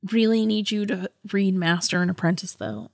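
This woman's voice is mid-range and a bit bright, captured at studio quality without any room sound. As a podcast co-host, she discusses a book casually, hedging and hesitating in a thoughtful way.

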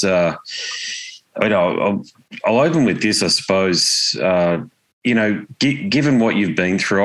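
An Australian man speaking as an interviewer in a conversational, earnest way, often halting as he finds his words. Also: low voice, fairly bright tone, poor audio.

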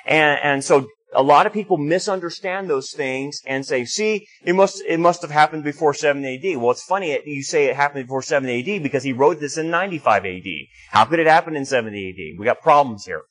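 A man's voice: mid-range voice, expressive, fast, few pauses, fairly bright tone, low-quality recording. A man preaching a sermon as a pastor, explaining scripture in a teaching manner with frequent restarts.

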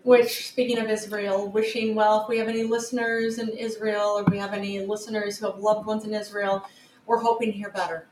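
A woman in her late thirties co-hosting a podcast, chatting casually in an easygoing, earnest way with quick reactions. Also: mid-range voice, level tone, a little mellow. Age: 30s. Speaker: podcast co-host. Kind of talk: casual chat. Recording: roomy echo, faint ambient noise.

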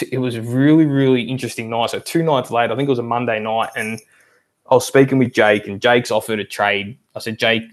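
A man in casual podcast chat, rambling through a long story with many ums. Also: medium pitch. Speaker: league member guest.

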